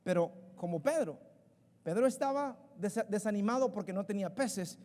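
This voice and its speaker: A man in his thirties preaching a sermon, building from quiet storytelling to loud, shouted preaching. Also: high-pitched, animated, normal speed, long reverb tail. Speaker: pastor.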